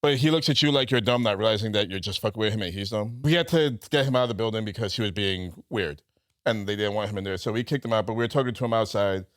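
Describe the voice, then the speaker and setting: A man's voice: on the low side, fast talker, fairly bright tone. A man from Brooklyn co-hosting a podcast, telling a story loosely with frequent laughs and swearing. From Brooklyn, New York. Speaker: podcast co-host. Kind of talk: casual storytelling chat.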